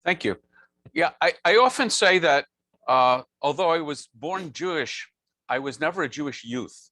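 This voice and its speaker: A rabbi in his sixties tells his own story on a panel over a video call, earnest and wryly thoughtful, from a home study lined with bookshelves. His voice is fairly high, expressive, pushed and bright, at a normal speed. The lapel mic gives a dry recording.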